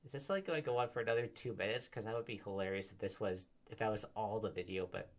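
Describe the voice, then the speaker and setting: A man's voice: on the low side, fast talker. A man hosting commentary at a microphone, talking casually with sighs, fillers and exasperated asides. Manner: sighing, rambling, filler-heavy. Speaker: commentary host. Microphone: desk microphone.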